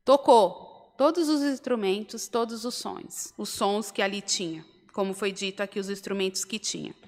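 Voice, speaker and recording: A woman's voice: mid-range voice, moderate pace, a little mellow. A woman with a Brazilian Portuguese accent preaching a sermon. She retells a story and swells into emphatic appeals to her listeners. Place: church hall, indoors. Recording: long church reverb.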